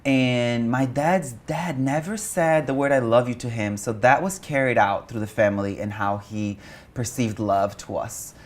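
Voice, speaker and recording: A man from Brazil, speaking as an interview guest in an open, expressive way and swearing casually. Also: medium pitch, normal speed. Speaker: guest, meditation teacher and coach. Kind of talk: candid interview chat.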